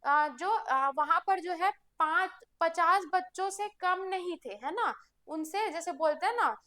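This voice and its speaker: A woman's voice: extremely high pitch, measured pace, pushed and bright. A woman teaching English grammar for exam prep, explaining step by step and answering her own questions.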